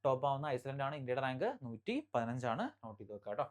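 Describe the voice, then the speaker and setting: In a mid-range voice, a teacher from Kerala gives a current affairs lecture aimed at exam preparation. Key facts get repeated, listeners are checked on often, and English headlines are read slowly before being explained.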